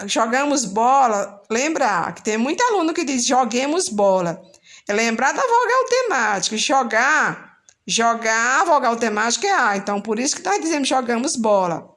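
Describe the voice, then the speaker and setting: A woman's voice: a little high, fairly bright tone. A woman teacher, explaining grammar in a recorded lesson, often restarting and correcting herself mid-sentence.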